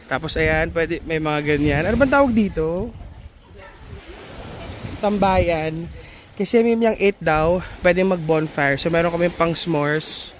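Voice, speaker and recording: A woman walks a phone camera through a beach resort house, narrating a casual family vlog. She talks at an easy, unhurried pace in a chatty tour-guide manner. A faint hiss sits under her voice. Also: on the low side. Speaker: family vlogger.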